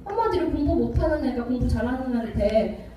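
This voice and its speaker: A woman pastor preaching a sermon, calling for amens and acting out arguing couples in sudden high voices. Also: animated, fairly quick, noisy background. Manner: call-and-response preaching, acting out quarrels. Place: church sanctuary. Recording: echoey church hall, mic at a distance.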